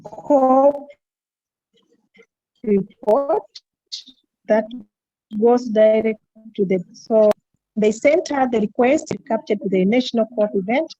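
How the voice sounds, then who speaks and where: A woman giving a halting update in an online meeting, her audio choppy and breaking up over a weak video-call stream. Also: fairly high pitch, warm tone, dry recording, muffled recording. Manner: slow and halting with frequent restarts. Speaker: award-winning group representative.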